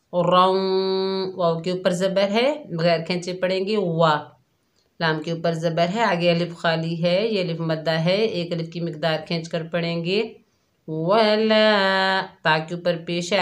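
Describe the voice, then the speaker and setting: A woman teaching Quran recitation step by step, calmly explaining each letter and drawing out the words she recites, her throat a little sore. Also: lowish voice. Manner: calm, methodical explaining, drawn-out recitation of words. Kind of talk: slow step-by-step tajweed lesson.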